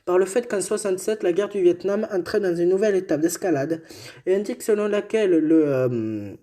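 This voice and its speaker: A co-host with a mellow, dark voice that sits high reads history notes aloud at a brisk pace in a relaxed, casual chat. He frequently stumbles, restarts words, and slips joking asides in between the facts.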